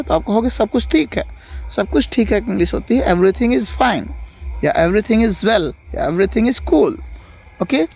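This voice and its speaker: High gravelly male English tutor. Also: darkish tone, a little hiss or hum. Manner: repeats each phrase slowly, explaining in Hindi. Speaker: English teacher. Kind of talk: spoken English lesson.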